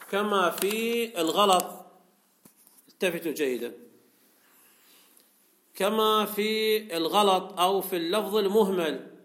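A man's voice: sits high, a bit bright. A man teaching a lecture class on rhetoric. He asks questions and answers them himself, and reads out a commentary and explains it. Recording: echoey room.

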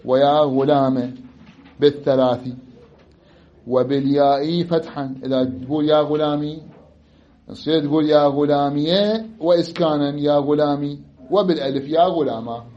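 A man with an Iraqi Arabic accent teaches a grammar class, drilling example phrases and quizzing his students. His voice sits a bit high for a man. The recording is dull and lo-fi. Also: fairly even intonation, moderate pace.

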